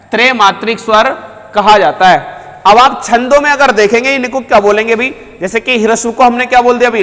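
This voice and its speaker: Male hindi teacher, high voice, asks and answers his own questions, repeats terms, long room echo. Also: fairly bright tone. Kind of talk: classroom lecture.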